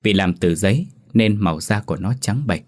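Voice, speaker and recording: A man with a very low voice reads a scripted ghost story aloud. He voices every character himself. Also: lively intonation, a little fast, darkish tone. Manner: plays all the characters himself. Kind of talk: scripted horror story narration.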